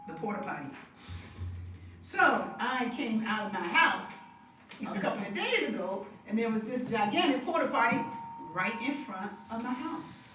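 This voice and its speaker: A devotional host and singer leads a live event in a music room, chatting, laughing a lot and telling drawn-out stories in a casual spiritual talk. Her mid-range voice comes through a stage mic with monitor feedback, recorded from far off in an echoey room with background noise.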